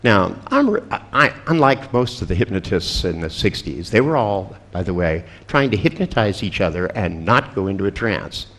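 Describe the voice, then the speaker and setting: A man's voice: low voice, animated, normal speed, hardly any pauses, fairly bright tone, slight background noise. An older man giving a seminar talk, telling stories in a wry, sardonic way with profane asides. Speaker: seminar presenter. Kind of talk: storytelling lecture.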